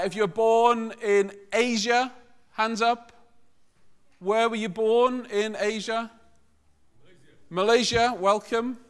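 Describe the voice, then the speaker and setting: A Liverpool man preaches to his congregation in a conversational, joking style, frequently asking his listeners questions. His voice is high-pitched, bright, forceful, clear and resonant.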